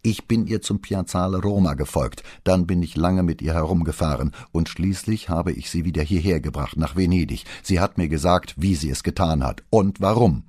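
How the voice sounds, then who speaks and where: Brief: male reader as a tense inspector, hoarse, curt, deep husky voice. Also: normal speed, few pauses, darkish tone, no room sound, clean studio sound. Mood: urgent. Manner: urgent, curt. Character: tense middle-aged male police inspector.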